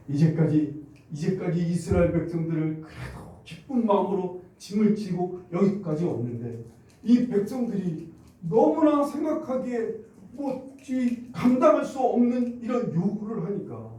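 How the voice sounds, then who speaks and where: Korean pastor preaching in an echoey hall. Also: male voice, high voice, dark tone. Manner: storytelling, acting out the grumbling people in quoted voices. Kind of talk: sermon. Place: church sanctuary. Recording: very echoey church hall, mic at a distance.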